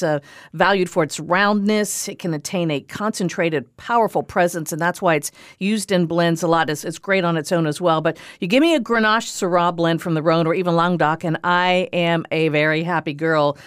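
A woman's voice: fairly low pitch, moderate pace, clean tone, no echo, studio quality. A woman co-hosting a casual wine podcast, speaking in an enthusiastic, conversational way. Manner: enthusiastic, warm-hearted, conversational. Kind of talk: casual chat.

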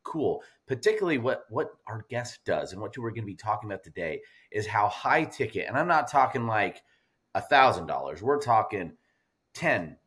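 Husky, lively podcast host man. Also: fairly low pitch, moderate pace. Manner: enthusiastic, upbeat, jokey. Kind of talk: energetic podcast intro and interview. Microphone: remote call recording.

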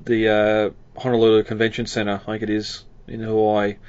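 A man's voice: lowish voice, completely flat delivery, moderate pace, darkish tone, smooth, no room sound, highs cut off. Rambling man chatting about films. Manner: rambling, many fillers, chuckles often. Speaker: podcast co-host. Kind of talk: casual film discussion.

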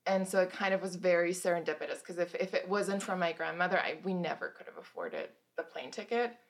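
Her voice fairly low and expressive, this thirty-something German guest author speaks a little fast as she shares stories from her life. The storytelling is casual, with laughter breaking up the anecdotes.

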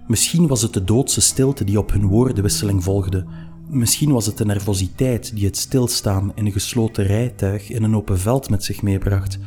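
A man calmly reading a story aloud as narrator, with faint music underneath. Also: fairly low pitch. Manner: calm, even storytelling.

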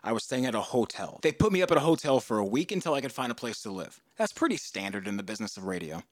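A man in his thirties hosting a podcast, telling a story in a casual, animated way and jumping into loud, high voices for the people he quotes. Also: quick pace, dry recording, studio quality. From United States. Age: 30s. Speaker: podcast host.

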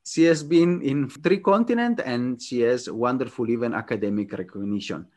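Podcast host with a halting, eager manner. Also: male voice, medium pitch, darkish tone. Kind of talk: interview.

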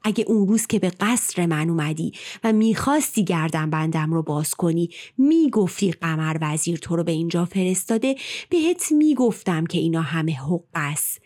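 A woman voicing a young captive princess in a storybook tale, speaking in a hurried, reproachful way. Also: on the low side, a little mellow, natural voice.

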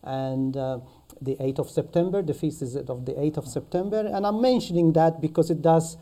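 A man with a Maltese accent, recounting his life in conversation as a podcast guest, halting and often repeating his words. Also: fairly high pitch, mellow. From Malta. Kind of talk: conversational personal recollection.

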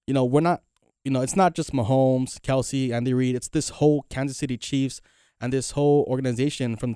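A man co-hosts a sports talk show with a smooth, resonant, mellow voice, laying out his analysis at a steady, measured clip. The sound is dry and close, with no room around it. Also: medium pitch, dry recording. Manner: steady, measured analysis with many "you know" fillers.

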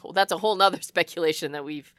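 Casting: woman, casual book-talk co-host, husky smoker-like rasp, congested, close dry sound. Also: on the low side, fast, a bit bright, no room sound. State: congested sinuses, cough-prone from smoky air. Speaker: podcast co-host.

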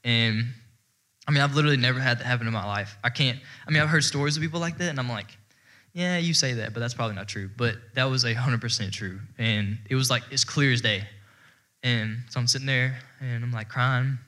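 A man's voice: mid-range voice, brisk, sharp tone. Heartfelt young man testifying. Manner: rambling and heartfelt, heavy with fillers, breaks into laughter. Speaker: church speaker giving testimony. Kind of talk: personal testimony to a congregation.

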